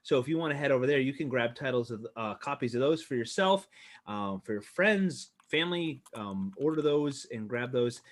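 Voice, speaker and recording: Animated and speaking at a normal speed, this host runs a relaxed, cheerful livestream through a video call. His pitch is ordinary and middle, and when he thanks people he laughs a lot and drifts into filler words.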